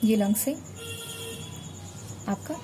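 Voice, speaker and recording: A woman with a mid-range voice teaches a biology revision lesson at a slow pace over music. She draws a diagram on a board as she speaks, patiently repeating terms to drill memory tricks into students.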